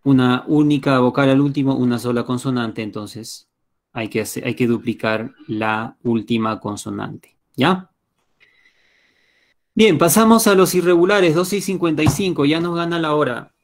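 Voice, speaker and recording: A man's voice: medium pitch, normal speed. A male teacher with a Peruvian Spanish accent runs a live online lesson through a computer mic. He explains step by step in a patient way and keeps stopping to check that his students follow. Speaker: English teacher.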